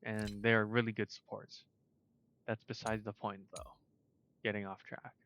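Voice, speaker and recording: A man streaming a video game live, chatting casually, swearing and talking straight to the game with sudden loud outbursts. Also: on the low side, flat delivery, unhurried, slight background noise. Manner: talks to the game, swears, bursts into loud exclamations. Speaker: livestreamer. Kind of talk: casual gaming livestream commentary.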